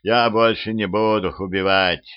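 A man voicing a beaten male werewolf who whines and pleads slowly, in a homemade audiobook. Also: fairly low pitch, steady tone, smooth, close to an everyday voice. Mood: pleading. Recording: slightly dull lo-fi home recording.

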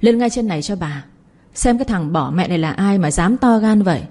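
A woman voicing a harsh, domineering older mother-in-law who shouts insults at her household. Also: mid-range voice, lively intonation, fairly quick, lightly acted. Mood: furious.

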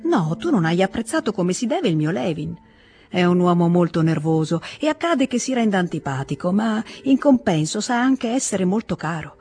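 A man's voice: sits high, sing-song, moderate pace, a little mellow, husky, soft background music, heavily acted. A man reading the lines of a jovial, gregarious aristocrat in an audiobook, effusive and exclamatory. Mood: warm praise.

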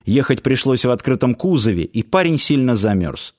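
A man reading an audiobook aloud in a steady, measured way. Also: mid-range voice. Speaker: narrator.

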